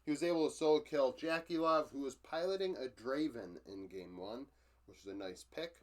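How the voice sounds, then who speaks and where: A man's voice: medium pitch, fairly quick. A man giving a casual recap of esports matches from his notes, matter-of-fact, with frequent fillers and self-corrections.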